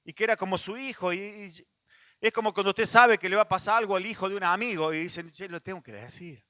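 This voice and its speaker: A man's voice: high voice, fast talker, bright, forceful tone, no room sound. A male pastor with a Rioplatense Spanish accent, preaching a sermon in a conversational way, with frequent restarts and asides to the congregation.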